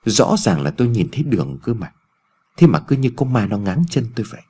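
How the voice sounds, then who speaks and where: A man's voice: lowish voice, very animated, fairly quick, mellow, slightly rough. A man voicing a shaken older village man who mumbles in bewilderment, in a narrated ghost story. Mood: bewildered. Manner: mumbling, unsettled.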